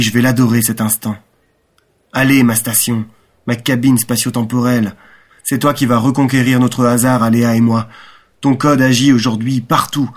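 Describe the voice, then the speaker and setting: Guy reading a dreamy young romantic talking to himself, fervent but ironic, mid pitch. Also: lightly acted. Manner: impassioned inner monologue, ironic. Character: young man, romantic and self-mocking. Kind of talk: audiobook reading.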